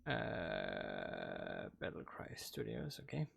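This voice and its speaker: Here a gaming channel host, a young adult man with a Danish accent, chats casually as he finishes a playthrough, rambling and hesitant with lots of fillers and false starts. He has a slow, gravelly bass voice with huge pitch swings and a fairly bright tone. His desk microphone picks up slight background noise.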